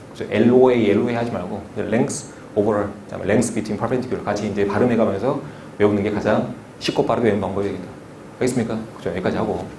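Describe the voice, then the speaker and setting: A man of middle pitch teaches an exam prep lecture. He keeps firing questions at the class and repeats each term until it sticks. The room is echoey, with a faint hiss behind him. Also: a little mellow. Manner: constant checking questions and drilling, repeats key terms. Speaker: maritime exam instructor.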